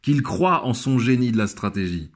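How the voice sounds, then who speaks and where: A man talks through a comic book analysis as if chatting with a friend, addressing the viewer directly. His voice sits at an ordinary middle pitch, and he lingers over the passages he enjoys. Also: lively intonation, moderate pace. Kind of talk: video analysis commentary.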